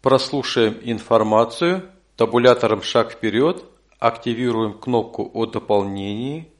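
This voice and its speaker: A man narrating scripted step-by-step instructions as an audio course instructor, measured and neutral. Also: mid-range voice.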